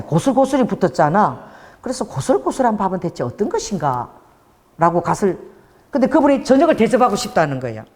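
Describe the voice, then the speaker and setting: Lively woman preaching in an echoing hall. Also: medium pitch. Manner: animated, prompts the congregation with "amen?". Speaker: pastor. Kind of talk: sermon with storytelling. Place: church worship hall. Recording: long hall reverb.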